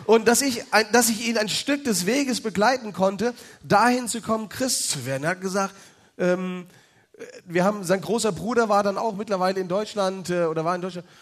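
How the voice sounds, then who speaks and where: A man's voice: high voice, moderate pace. A man in his thirties telling a personal faith story to an evening audience, in a loose, chatty way full of fillers.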